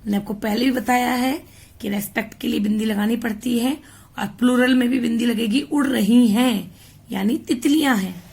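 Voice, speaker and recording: A woman tutor from India going through a grammar worksheet, reading words out slowly one by one. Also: fairly high pitch, vocal fry, a little mellow, breathy edge. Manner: slow, deliberate, spells words out one by one. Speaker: home tutor. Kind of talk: explaining a worksheet.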